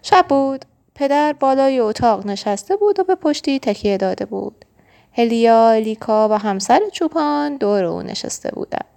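A woman narrating a children's audiobook in an expressive, rhythmic storytelling manner. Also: a little high, gravelly.

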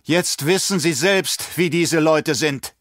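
A man voicing a scheming, terrified old baron, gasping and pleading in drawn-out words. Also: medium pitch, a bit bright, clean tone, dry recording, studio quality, faint music behind. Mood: panicked.

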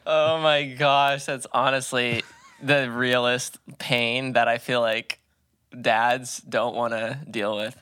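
Bright-voiced excited podcast guy. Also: mid-range voice, slow pace, smooth, dry recording, studio quality. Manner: enthusiastic, slangy. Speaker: podcast co-host. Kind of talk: casual chat.

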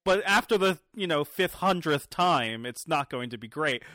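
A woman in her thirties in casual chat, animated and laughing often. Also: low-pitched, moderate pace, no echo, clean studio sound. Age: 30s.

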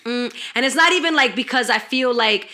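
A young woman chatting casually and candidly as a podcast guest, animated, slangy and swearing freely. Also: fairly high pitch, a little fast.

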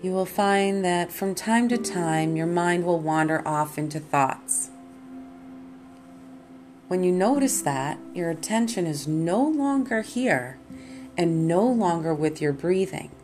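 Slow, calm meditative woman over guitar music. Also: lowish voice. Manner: calm, meditative, soothing delivery. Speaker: meditation teacher and podcast host. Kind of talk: guided meditation. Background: plucked guitar music.

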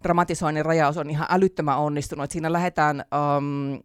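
A speaker of middling pitch chats easily as an interview guest, filling pauses with small hesitations and breaking into laughter often. The voice sits close and dry, with no room around it. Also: steady tone, no room sound. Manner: chatty, many fillers, laughs often. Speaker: author and theatre teacher, interview guest. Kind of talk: casual interview chat.

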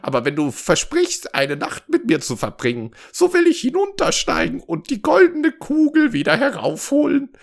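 A man voicing a slimy, lecherous giant male frog in a storybook reading, croaking and drawing out his words. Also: very high voice, wildly swooping pitch, pitched above the performer's own voice, exaggerated voice. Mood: sleazy. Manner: croaky, drawn-out, quacking.

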